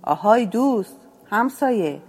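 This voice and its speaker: Storybook eagle, male, lonely and soft-hearted, coaxing and reassuring, a woman putting him on, pitched up a bit, gravelly edge. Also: sing-song, full character voice. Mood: calling out. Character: lonely gentle male eagle seeking a friend.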